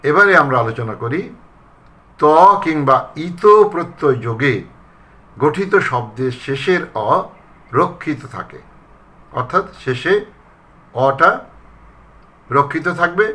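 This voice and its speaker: Male recitation coach from Bangladesh, slow, bright-toned, drills example words one by one. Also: mid-range voice, expressive. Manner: slow, deliberate, repeats words to demonstrate pronunciation. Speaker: recitation trainer. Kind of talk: pronunciation lesson.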